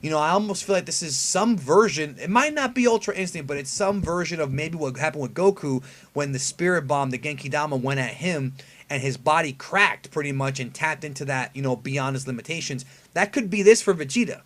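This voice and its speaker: A male anime review host speaks in a fairly high register. He breaks down a preview in a casual, conversational way, stressing his points and putting rhetorical questions to viewers. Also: a little fast. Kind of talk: casual fan commentary breaking down an episode preview.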